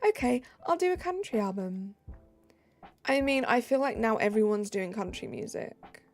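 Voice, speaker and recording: In a sing-song, fairly high but darkish, creaky voice at normal speed, a woman with a southern English accent from the south of England chats casually on a live stream. Playing a game in her home room over faint music, she reads out and responds to viewer comments, trailing off into fillers.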